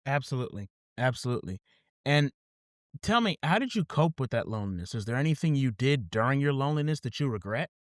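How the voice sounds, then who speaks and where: A man's voice: mid-range voice, very animated, fast, no room sound, clean studio sound. A man hosting a podcast, reading a scripted opening and then chatting casually, often repeating "absolutely". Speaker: podcast host.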